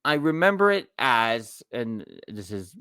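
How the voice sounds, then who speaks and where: A man's voice: medium pitch, sing-song, a little slow, sharp tone, clean tone, no room sound. A middle-aged man with a New York accent, co-hosting a casual podcast chat and telling rambling stories that often restart mid-sentence. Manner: rambling, self-correcting storyteller. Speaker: podcast co-host.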